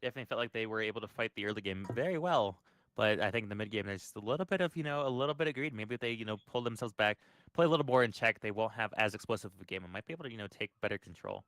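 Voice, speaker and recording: A man's voice: on the low side, lively intonation, a bit bright, no echo. A man casting a live esports match, calling plays and breaking down fights. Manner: quick play-by-play, analytical. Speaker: esports caster.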